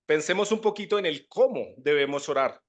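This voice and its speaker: A man's voice: a little high, expressive, brisk. Man teaching the Bible. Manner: conversational, often asks "¿cierto?". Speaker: preacher.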